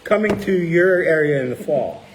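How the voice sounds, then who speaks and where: A man's voice: a little high, normal speed, a little hiss or hum, low-quality recording. A middle-aged man hosting a casual chat, telling stories and acting out the people he quotes. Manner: animated, acts out quoted people. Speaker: cookbook author and channel host.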